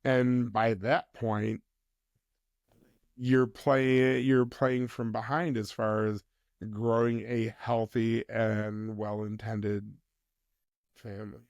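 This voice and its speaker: A man speaking as a mental health counsellor guest on a podcast, explaining in a measured way. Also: on the low side, little pitch movement, darkish tone, no room sound, studio quality. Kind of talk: podcast interview conversation.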